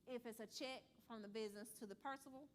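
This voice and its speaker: A fairly high-voiced woman leads a money seminar in front of a live audience. She talks in a lively, conversational way, acting out short back-and-forth dialogues and answering questions. A light hiss sits under the recording. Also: fast. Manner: animated, conversational, acts out dialogue, laughs. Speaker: financial educator presenting at a church seminar.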